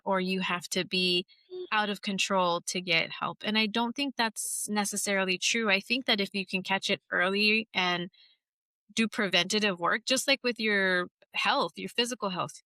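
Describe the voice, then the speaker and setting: A woman's voice: mid-range voice, fairly even intonation, normal speed, bright, forceful tone, no echo. A woman in her forties hosting a podcast, talking frankly and casually, cursing now and then. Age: 40s. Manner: frank and chatty, swears casually. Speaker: podcast host. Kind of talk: casual conversational interview.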